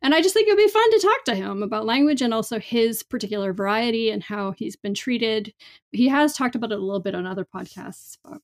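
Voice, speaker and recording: A woman's voice: fairly high pitch, fast. A woman co-hosting a podcast, talking casually and conversationally. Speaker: podcast co-host.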